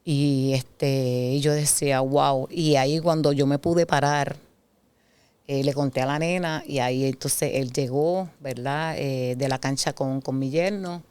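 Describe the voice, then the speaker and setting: A woman's voice: extremely low pitch, a little slow, clean tone, no room sound. A middle-aged woman, sharing a personal testimony in conversation and acting out past exchanges as she tells it. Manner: animated storyteller who acts out past dialogue. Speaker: guest sharing her testimony.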